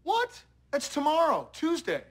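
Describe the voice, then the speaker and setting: A man's voice: sits high, lively intonation, moderate pace, a bit bright. An actor playing a busy, forgetful grown-up rich father in a TV sitcom, with a breezy delivery. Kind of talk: TV sitcom acting.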